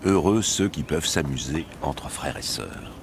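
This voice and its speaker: A man narrating a nature documentary from a script, in a measured storytelling delivery. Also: very deep voice, animated, background noise.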